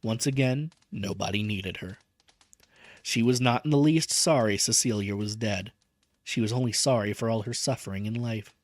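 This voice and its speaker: A man reading a novel aloud as a streamer, gentle and emotional, pausing to chat about the story. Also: fairly low pitch, no room sound. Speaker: vtuber book reader.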